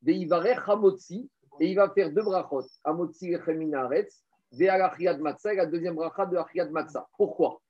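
A man with a slightly high voice, speaking at normal speed, gives a lively Torah lesson in French sprinkled with Hebrew terms. He poses rhetorical questions, explains things step by step, and calls his listeners "Rabotai." The recording is dull and lo-fi.

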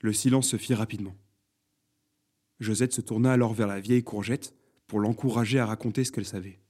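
Expressive man reading a children's tale. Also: fairly low pitch, a little fast, husky. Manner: expressive, dramatic storytelling. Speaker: storyteller.

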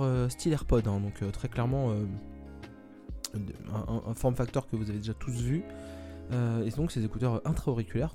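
A man hosting a casual solo podcast episode, talking hesitantly with many fillers and restarts. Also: fairly low pitch. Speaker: podcast host.

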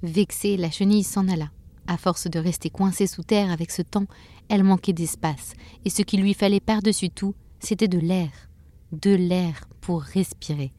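A woman narrating a children's story in a gentle, expressive way. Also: mid-range voice, normal speed.

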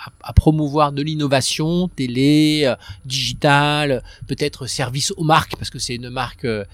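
A man's voice: on the high side, steady tone, normal speed. A man being interviewed about his career in business, talking in a conversational way and often repeating words and restarting his sentences. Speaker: guest, business executive.

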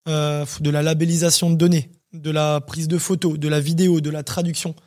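A man's voice: fairly high pitch, little pitch movement, a little fast, darkish tone. A man, a startup CEO, explaining his company in a casual interview, talking with many fillers.

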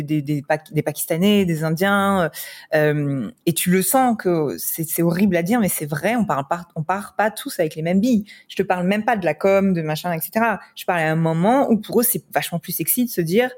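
A woman's voice: on the low side, brisk, a little mellow. A woman from France, a wedding photographer, chatting casually in a podcast interview with lots of fillers and laughter.

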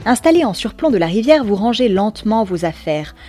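A woman narrates a scripted story in the second person, voice sitting in a middle register. Her delivery is wry and ironic, with slangy asides. Soft music plays faintly behind her. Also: medium pitch, very animated, brisk.

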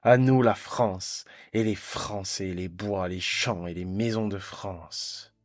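A man's voice: lowish voice, expressive, slow, darkish tone, no room sound. A man voicing an arrogant young Prussian officer who sneers and bellows his toasts. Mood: mocking.

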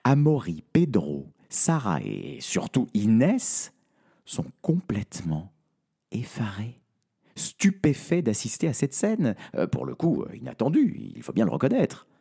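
Dad telling a bedtime-style story, husky mellow voice, lots of bounce. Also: male voice, medium pitch, wildly swooping pitch, a little slow. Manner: playful, conversational asides. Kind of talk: read-aloud story for a child.

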